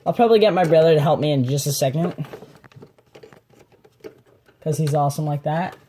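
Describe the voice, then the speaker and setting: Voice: mid-range voice, brisk, mellow, slight background noise. A casual vlogger rambling through a computer desk setup, filmed on a phone in a small room. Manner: rambling, chatty, trails off mid-sentence. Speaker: channel host. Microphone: phone camera.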